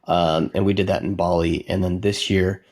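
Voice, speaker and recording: A man with a fairly low voice talks as an interview guest about building his company. He is earnest and reflective, often circling back with "you know" and restarting his phrases mid-thought. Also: little pitch movement, moderate pace, a little mellow. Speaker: software company co-founder, guest. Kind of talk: casual conversational interview.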